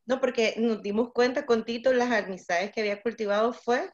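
A woman's voice: a little high, steady tone, brisk, darkish tone. A woman from El Salvador chatting as a guest, reflective and rambling. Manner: reflective, talks in loose rambling sentences. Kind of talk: casual chat. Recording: dull lo-fi audio.

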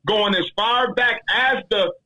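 A man in a casual discussion, talking in an emphatic, slangy, animated way as he answers a question. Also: high voice, takes it slowly, low-quality recording.

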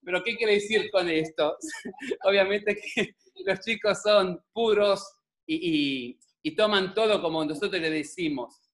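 A man's voice: high voice, a little slow. A middle-aged man with an Argentine accent gives a religious talk at home, telling stories with jokes and asides to the audience. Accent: Argentine Spanish (Rioplatense). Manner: animated, jokey, many asides to the audience. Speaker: speaker giving a religious talk. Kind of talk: humorous storytelling talk. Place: at home, on camera.

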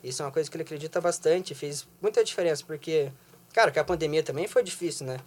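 Fast-talking Brazilian man, high voice. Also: very noisy. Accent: Brazilian Portuguese. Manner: slangy, animated, laughs often. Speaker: podcast guest. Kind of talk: casual storytelling chat.

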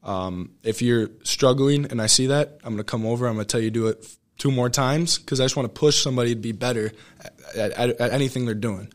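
A man's voice: medium pitch, fast. A young American man, a student athlete, telling earnest, informal, rambling anecdotes as a guest in a casual interview. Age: young adult.

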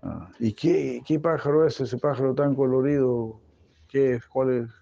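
Curious little boy asking what everything is, a man doing it, gravelly slow voice. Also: mid-range voice, warm tone, no room sound, highs cut off. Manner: eager questioning. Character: curious young boy asking about animals.

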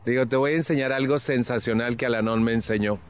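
Older man, seventies, Mexican accent, recovery testimony, earnest, animated, frank. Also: mid-range voice, fast, slight background noise. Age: 70s. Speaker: Al-Anon speaker. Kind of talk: personal testimony talk.

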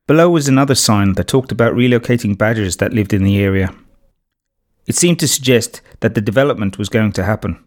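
A man's voice: lowish voice, a little fast. A man steadily reading a children's storybook as narrator.

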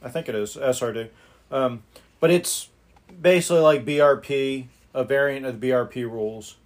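A man's voice: mid-range voice, normal speed. Male podcast host, mid-range voice, informal and unpolished, talking off the cuff. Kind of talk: casual podcast talk. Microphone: phone.

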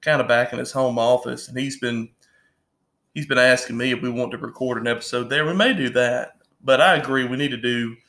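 A man's voice: medium pitch, fairly bright tone. A man co-hosting a casual podcast, joking and telling stories with a laugh. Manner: joking, drawn-out storytelling with frequent laughs. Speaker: podcast co-host. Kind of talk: casual chat. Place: home, at his own home bar.

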